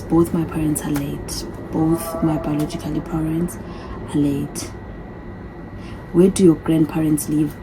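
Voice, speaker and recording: A deep-voiced woman in her thirties, originally from another continent, chats through a casual get-to-know-me vlog recorded on her phone. She reads out the questions and tends to repeat her answers, with a noisy background throughout.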